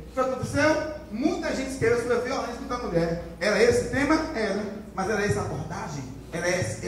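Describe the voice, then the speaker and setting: Brazilian guy lecturing a class, high voice that jumps all over, super echoey room, kinda far off. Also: slight background noise. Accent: Brazilian Portuguese. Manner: energetic, repetitive drilling with call-and-response. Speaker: writing teacher.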